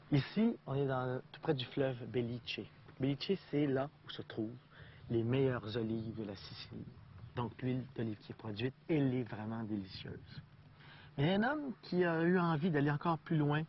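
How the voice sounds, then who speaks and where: A man's voice: mid-range voice, a little hiss or hum. A man with a Quebec French accent hosting a travel documentary, chatty and enthusiastic as he narrates and interviews. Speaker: TV travel host. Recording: dull lo-fi TV recording.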